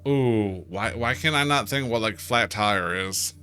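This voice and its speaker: A man's voice: fairly low pitch, a little slow, sharp tone. A man streaming a game, chatting casually, reading in-game posts aloud, playful and stumbling over words. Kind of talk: casual let's-play commentary.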